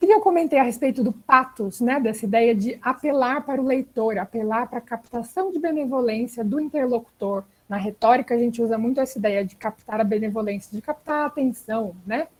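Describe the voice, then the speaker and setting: A young woman with a Brazilian Portuguese accent teaches an online writing class, speaking fairly quickly in a fairly high voice with few pauses. She's chatty and keeps checking in with students through frequent "né?" and "tá?", captured on a low-quality recording.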